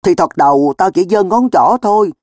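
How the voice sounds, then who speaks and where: A man voicing a sly, defensive teenage boy who talks loud and high, always protesting. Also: animated, moderate pace, dry recording, clean studio sound.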